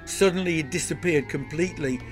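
A man narrating a children's adventure story in a lively, expressive reading. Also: on the high side, a little fast, music in the background.

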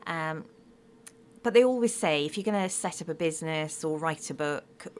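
A woman's voice: low voice, expressive, moderate pace. A middle-aged woman from Swansea with a Swansea Welsh accent, talking conversationally as an author being interviewed. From Swansea, Wales.

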